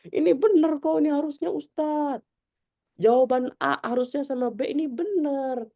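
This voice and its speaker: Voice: high voice, normal speed, warm tone, voice pushed up. A woman voicing an indignant young student who protests that a marked answer was right, in a whiny, complaining tone over a video call.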